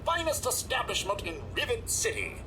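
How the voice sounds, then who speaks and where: Too-smooth snarky robot butler. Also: male voice, very high voice, huge pitch swings, moderate pace, over music, full character voice. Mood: snooty. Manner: smooth, overly polite, with sly sarcastic asides. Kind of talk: video game character dialogue. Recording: game audio under loud background noise.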